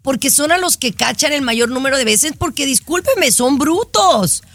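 Lively teasing woman radio host. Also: high-pitched, normal speed, dry recording, soft background music. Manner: teasing, playful, exclamatory.

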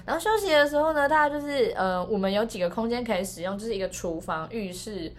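A woman's voice: mid-range voice, fast. A woman co-hosting a casual podcast, telling a story in a rambling way with many restarts. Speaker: podcast co-host.

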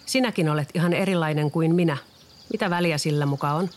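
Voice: mid-range voice, a little hiss or hum, close to an everyday voice. A storyteller voicing a brave, outspoken young girl in a children's storybook, often indignant. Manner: indignant, whispering at times.

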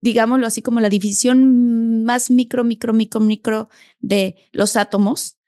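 A woman's voice: on the high side, fairly even intonation, moderate pace, mellow, no room sound, studio quality. A woman hosting a podcast who speaks enthusiastically and casually, explaining ideas in simple terms. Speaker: podcast host. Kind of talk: casual spiritual conversation.

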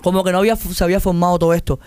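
Speaking very fast in a high, smooth voice, a young guest artist from Cuba with a Cuban Spanish accent tells lively stories in a casual interview. He frequently mimics the voices of people he quotes and restarts often.

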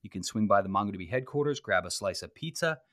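A man's voice: on the low side, brisk, no room sound, studio quality. A man hosting a podcast, chatting casually and pointing listeners to the show notes. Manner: relaxed, chatty, promotional. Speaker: podcast host.

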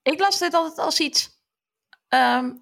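A woman co-hosting a podcast in casual chat, quick to laugh. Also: high-pitched, vocal fry, a bit bright. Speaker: podcast co-host.

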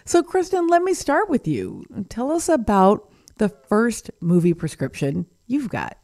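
A woman's voice: a little high, sing-song, unhurried, darkish tone. A woman hosting a radio show, chatting with two guests and laughing easily. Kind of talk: casual radio interview.

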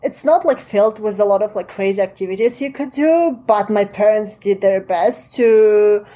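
A woman's voice: medium pitch, expressive, moderate pace, warm tone. A woman in her late twenties from Kazakhstan with a Russian accent, a native Russian speaker, chatting as a podcast guest in a friendly way with many fillers and restarts. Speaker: guest entrepreneur. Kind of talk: casual interview chat.

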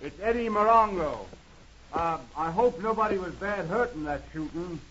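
An actor playing a showy traveling magician and elixir huckster in an old radio western, with grandiose barker's patter. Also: male voice, sits high, moderate pace, fairly bright tone. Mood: guarded, subdued. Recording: muffled old radio recording, faint noise.

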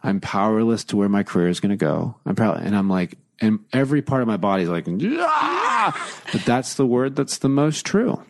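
Man, 40s, low voice, animated storyteller, casual podcast chat. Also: a little fast, few pauses. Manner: animated, acts out quotes with big jumps in pitch. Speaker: guest, author and father.

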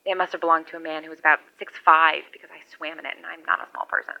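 An actress playing a lone, wry survivor rambling into a CB radio years after the collapse. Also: female voice, low voice, little pitch movement, rapid-fire, vocal fry. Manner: rambling, wry, conversational monologue. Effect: over a CB radio. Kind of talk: audio drama radio log. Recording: muffled lo-fi radio sound.

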